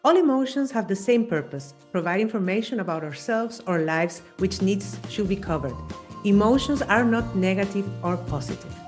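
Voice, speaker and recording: A woman's voice: medium pitch, lively intonation, normal speed, darkish tone, faint music behind. A woman from Chile, a guest on an interview podcast, chatty and often repeating and correcting herself. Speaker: guest, psychologist and coach.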